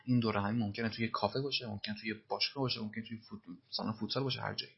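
Gravelly-voiced male English teacher. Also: fairly low pitch, fairly even intonation, highs cut off. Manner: repeats English lines slowly, then explains in Persian. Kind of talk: language lesson explaining film lines.

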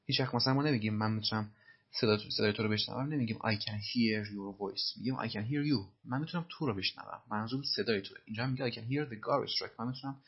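A man teaching English in Persian, patiently repeating film lines slowly and translating them, on a dull lo-fi recording. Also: on the low side, vocal fry, slightly rough.

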